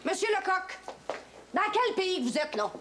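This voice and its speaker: An actress playing a brash, earthy housewife with a strong Québécois accent, loud, blunt and teasing. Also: female voice, extremely high pitch, very animated, measured pace, exaggerated voice. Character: brash, earthy Quebec housewife, middle-aged. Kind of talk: 1970s sitcom acting. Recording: old TV audio, hiss, loud laugh track.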